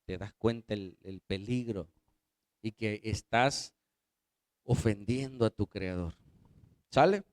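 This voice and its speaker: A man's voice: on the low side, slow pace, long pauses, dry recording, studio quality. A man preaching a sermon as pastor, posing rhetorical questions and acting out quoted voices.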